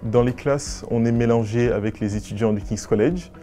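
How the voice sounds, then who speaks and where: A nineteen-year-old man from West and Central Africa, a business school student giving formal, measured and articulate interview answers. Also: mid-range voice, loud music behind the voice. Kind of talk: prepared interview answers to camera.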